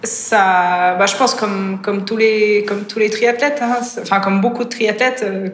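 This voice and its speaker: A woman's voice: mid-range voice, steady tone, measured pace. A woman in her thirties from Switzerland, a podcast guest speaking modestly with many hesitations and fillers. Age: 30s. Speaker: guest triathlete. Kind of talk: podcast interview. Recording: echoey room with faint noise.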